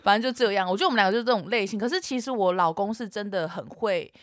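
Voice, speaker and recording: A woman with a Taiwanese Mandarin accent, co-hosting a podcast and telling stories in an animated way, acting out the quarrels she describes. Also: medium pitch, racing, no room sound. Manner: animated storytelling, acts out quarrels. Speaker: podcast co-host. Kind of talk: casual chat.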